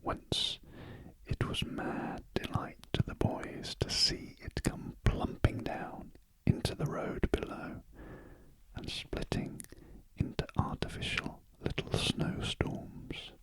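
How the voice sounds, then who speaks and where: A man with a British accent narrating a classic story as ASMR in a very gentle, breathy whisper, close to the microphone, pausing between short phrases. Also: no room sound, low-quality recording. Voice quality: soft, breathy unvoiced whisper. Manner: very gentle, slow, measured reading with pauses. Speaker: ASMR reader. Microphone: close ear-to-ear stereo microphone.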